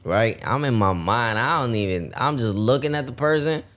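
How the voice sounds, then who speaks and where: A man hosting a podcast, telling stories in a loose, profane, animated way, his voice worn down today. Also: medium pitch, normal speed. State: losing his voice. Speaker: podcast host. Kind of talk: casual storytelling chat.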